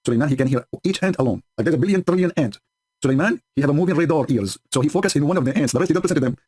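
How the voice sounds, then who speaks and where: Husky, sarcastic man, talking very fast. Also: fairly high pitch, animated, a little mellow. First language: not English. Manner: sarcastic, laughing, broken English. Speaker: host. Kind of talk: mocking livestream commentary.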